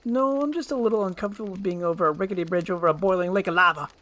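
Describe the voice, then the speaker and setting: A man's voice: sits high, racing, a bit bright, pitched above the performer's own voice. A man voicing a jittery, cowardly but boastful talking donkey, rambling and pleading as in a storybook screenplay reading. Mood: nervous. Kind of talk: storybook screenplay read with character voices.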